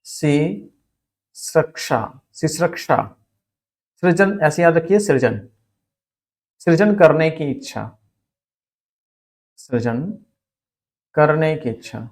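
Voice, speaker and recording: Slow, drilling male Hindi teacher. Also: fairly high pitch, animated, darkish tone. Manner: slow, repeats each word for drilling. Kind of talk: spelling lesson for exam students.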